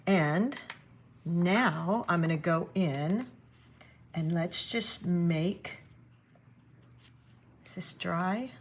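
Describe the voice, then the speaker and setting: A woman giving a relaxed watercolor painting demonstration, thinking aloud as she works and chatting to her viewers. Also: fairly low pitch, slight background noise. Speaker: watercolor art teacher.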